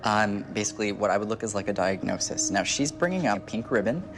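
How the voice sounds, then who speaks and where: Expressive yet halting, this low-voiced man in his 20s hosts a show as a medium, relaying impressions as they arrive in a spontaneous, conversational psychic reading. He's on an indoor TV studio set with music playing in the background.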